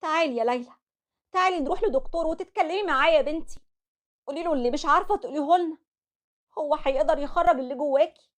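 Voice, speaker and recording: A woman with an Egyptian accent voicing a gentle, pious mother soothing her daughter. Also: sits high, fast talker, pitched above the performer's own voice. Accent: Egyptian Arabic. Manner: soothing, tender.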